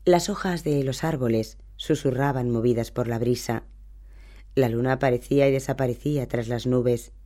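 A man narrates a novel in steady, even storytelling. His voice is dark and mellow, with a relaxed, scripted delivery. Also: medium pitch, normal speed. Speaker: audiobook narrator.

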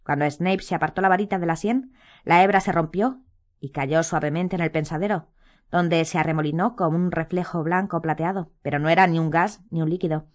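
A woman narrating a fantasy novel as an audiobook, in a steady storytelling manner. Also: lowish voice, fairly quick. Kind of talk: scripted narration.

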